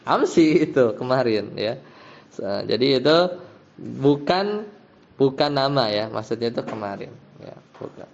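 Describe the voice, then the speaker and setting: A man's voice: medium pitch, expressive, measured pace, gravelly, long pauses. A man, an Islamic teacher, explaining Arabic grammar to a class, patiently checking that his students follow. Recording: dull lo-fi sound.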